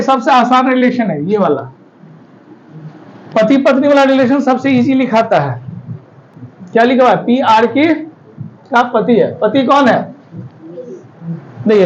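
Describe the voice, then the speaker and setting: A man's voice: very high voice, highs cut off. A man teaching a classroom lecture, explaining step by step and often checking that the students follow.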